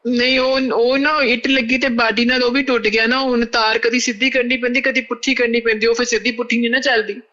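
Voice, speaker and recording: A woman's voice: a little high, little pitch movement, fast talker, hardly any pauses, bright, forceful tone. A woman calling in, talking in a plaintive, complaining way. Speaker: caller. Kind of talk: phone-in comedy banter. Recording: muffled phone line.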